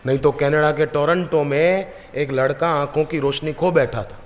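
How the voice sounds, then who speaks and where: In a reverberant hall, a male spiritual preacher gives a devotional sermon built around stories, acting out the characters in his anecdotes with lively energy. His voice is fairly high and his speed normal, and the recording carries the long reverb of a large hall.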